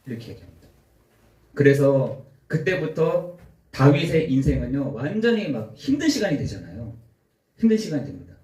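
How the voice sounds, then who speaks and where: A man's voice: medium pitch, sing-song, moderate pace, darkish tone, reverberant. A man preaching a sermon as pastor, voicing the pleas and replies of the people he tells of. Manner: preaches in rising and falling bursts, acts out God's and worshippers' words. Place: church sanctuary.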